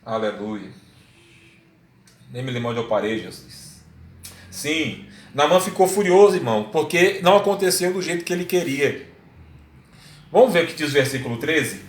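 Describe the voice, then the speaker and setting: A man with a Brazilian Portuguese accent preaching a sermon, swinging between loud exhortation and quiet asides. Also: a little high, moderate pace, pauses often, roomy sound.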